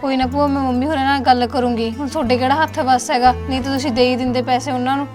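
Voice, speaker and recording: Woman doing a quick high-voiced young niece, soothing, music behind. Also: fairly even intonation, natural voice. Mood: reassuring. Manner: rapid, reassuring. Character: young married niece, caring and reassuring.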